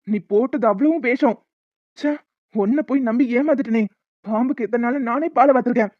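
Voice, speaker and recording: A woman's voice: a little high, no echo, close to an everyday voice. A woman voicing a young husband in a cartoon who hurls angry accusations, in a dry, dull lo-fi recording. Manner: shouting accusations. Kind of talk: amateur cartoon voice acting.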